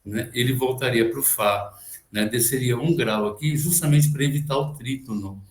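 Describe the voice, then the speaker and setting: A man speaks at a moderate pace and medium pitch, with a roomy sound, as he teaches Byzantine chant remotely. He explains, tags his points with frequent questions, and now and then chants a short phrase for the lecture's sung examples.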